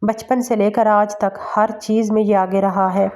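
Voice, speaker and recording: Scheming cousin, mocking and cold, flat and mellow, read by a woman. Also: mid-range voice, natural voice. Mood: taunting. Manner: taunting, mocking. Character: sneering scheming young man, rival cousin.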